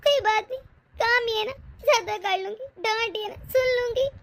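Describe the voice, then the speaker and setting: A woman voicing a grieving young widowed wife who talks softly and tearfully in a cartoon story. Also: extremely high pitch, a little fast, creaky, heavily acted. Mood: resigned, tearful. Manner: soft, tearful, self-effacing.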